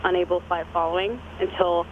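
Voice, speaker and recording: A voice reading a recorded airport weather broadcast in a flat, steady recitation of numbers, heard over an aircraft radio. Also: mid-range voice, fairly quick. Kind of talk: recorded weather and runway information readout. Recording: narrow radio band with clear cockpit noise.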